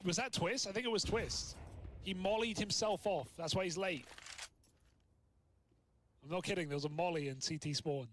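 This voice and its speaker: A man hosts an esports watch party, breaking down plays in quick, chatty commentary. His voice sits a little high. A loud crowd roars behind him from the broadcast. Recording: stream audio with crowd behind.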